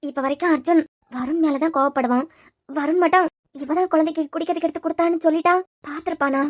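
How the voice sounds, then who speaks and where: A woman's voice: very high voice, steady tone, fast talker. A woman with a Kanyakumari Tamil accent voicing a fretful old grandmother who wails and laments over her grandchild in a cartoon serial. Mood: pleading. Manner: lamenting, wailing.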